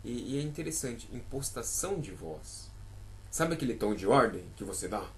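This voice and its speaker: A man's voice: mid-range voice, expressive, moderate pace, slight background noise, poor audio. A man with a Brazilian accent giving a casual singing lesson, chatty and encouraging, calling out sample notes as he teaches.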